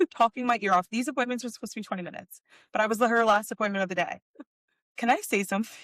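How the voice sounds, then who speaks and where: A young woman podcast co-host, chatting casually and telling a long story in an animated way, with many "like"s. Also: fairly high pitch, fast talker, dry recording, studio quality. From United States. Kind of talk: casual chat.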